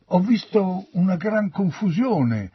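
A man reading a Bible story, voicing an eager young messenger who speaks up loudly and with a higher pitch. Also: sing-song, takes it slowly, breathy edge, no room sound, dull audio, full character voice.

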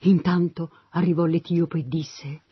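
A narrator reading a Bible story aloud in a steady storytelling manner. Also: medium pitch, measured pace, husky, no echo, dull audio.

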